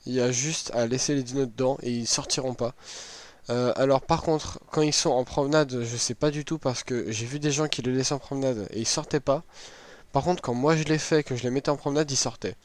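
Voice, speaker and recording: A man with a hoarse, worn-out, sick-sounding voice, giving a casual, hesitant walkthrough as a gaming video host. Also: medium pitch, fairly even intonation, a little fast. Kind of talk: casual game item walkthrough.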